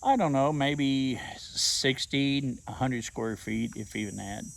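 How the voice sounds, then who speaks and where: Gravelly, profane man ranting. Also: medium pitch, low-quality recording. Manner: profane, rambling, drawn-out delivery. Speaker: vlogger. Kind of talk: casual storytelling rant.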